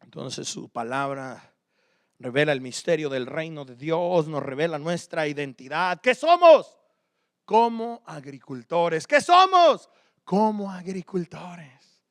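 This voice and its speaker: Male preacher, high and bright, swinging from loud emphasis to quiet asides. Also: dry recording, studio quality. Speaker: pastor. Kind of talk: sermon.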